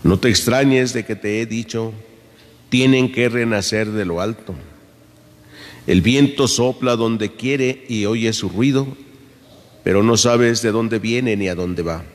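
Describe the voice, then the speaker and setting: A low-voiced priest speaks slowly and solemnly, each phrase unhurried. His words ring out with a long cathedral echo that fills a large church. The delivery is measured and reverent throughout. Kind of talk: gospel reading and homily at Mass.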